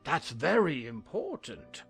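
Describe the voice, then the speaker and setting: A man playing a pompous, muddled king in a children's audiobook drama, with a drawn-out, dithering, theatrical delivery. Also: mid-range voice, huge pitch swings, vocal fry, a bit bright, breathy edge, faint music behind, voice pushed down, heavily acted. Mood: self-important. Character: muddled, pompous old King of Hearts presiding as judge.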